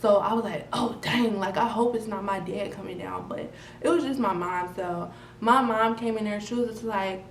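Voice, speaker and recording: Young woman vlogger, animated slangy storyteller, faint hiss behind, middle pitch. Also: normal speed, recorded from a distance. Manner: slangy, animated storytelling that swings from loud outbursts to mutters. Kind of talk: casual storytime chat. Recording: roomy, off-mic with faint noise.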